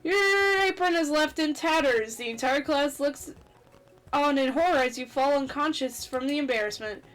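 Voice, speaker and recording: A woman reading a story game's text aloud in a theatrical, expressive way, with casual commentary as a gaming host. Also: sits high, normal speed, low-quality recording.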